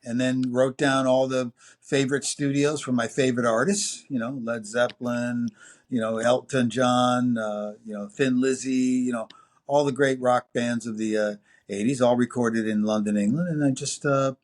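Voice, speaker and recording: A man in his sixties with a New York accent, telling long anecdotes as an interview guest, full of fillers and lively quoted voices. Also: mid-range voice, normal speed. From New York City. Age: 60s. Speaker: music producer and engineer guest. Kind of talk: casual interview storytelling.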